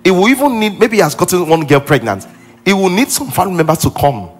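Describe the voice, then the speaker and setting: A man's voice: high-pitched, sing-song, fast, faint music behind. A male pastor preaching a sermon with emphasis, repeating key lines and acting out what people say.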